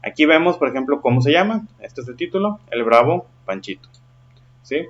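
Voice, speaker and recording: A man's voice: fairly high pitch, animated, normal speed, muffled recording. Patient man teaching. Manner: patient, checks in with frequent questions. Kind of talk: explaining a lesson.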